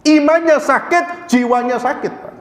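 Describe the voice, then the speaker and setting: Male preacher, high and highly animated, rhetorical back-and-forth, echoey mosque hall recording. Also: moderate pace. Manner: animated, asks and answers his own questions, addresses listeners as "Pak". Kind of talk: mosque sermon.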